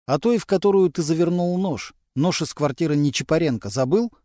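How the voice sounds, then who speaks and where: A man voicing a calm, stern male police captain questioning a suspect in firm, measured tones. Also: a little high, no room sound, clean studio sound, pitched above the performer's own voice, lightly acted.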